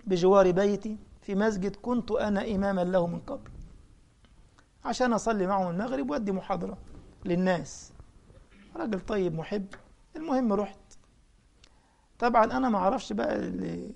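A middle-aged man with an Egyptian accent, a preacher and imam, telling a story in an animated way and acting out the dialogue. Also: high voice, vocal fry. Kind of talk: storytelling religious talk.

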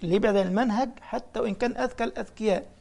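A man's voice: high-pitched, racing, vocal fry, a little mellow. A man with an Egyptian accent preaching a colloquial religious lesson, telling anecdotes and firing off mocking rhetorical questions. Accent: Egyptian Arabic.

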